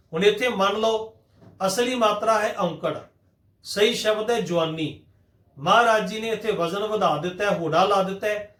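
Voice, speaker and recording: High-voiced man teaching scripture pronunciation. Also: fairly bright tone, roomy sound. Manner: patient, methodical, addresses the congregation. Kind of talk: religious lesson on scripture pronunciation.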